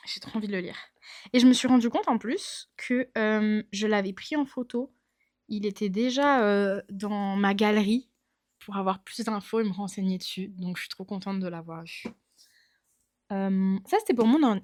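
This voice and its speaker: A woman's voice: medium pitch, darkish tone, dry recording, studio quality. A young woman chatting casually about her books at home, thinking aloud with lots of fillers, filmed on her phone. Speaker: book vlogger. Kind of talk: casual chat. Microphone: phone camera.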